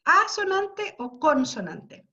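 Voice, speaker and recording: A woman's voice: high voice, very animated, takes it slowly, bright, forceful tone. A woman teacher giving an online class, explaining patiently step by step and often checking that her students follow. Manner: patient, explains step by step and checks understanding with frequent tag questions. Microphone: computer mic on a video call. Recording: dull lo-fi video call audio.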